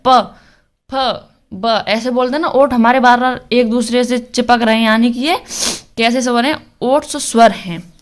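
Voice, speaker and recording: Woman teaching the Hindi alphabet, high voice. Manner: repeats questions and answers them herself; sounds out letters one by one. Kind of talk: exam-prep lesson.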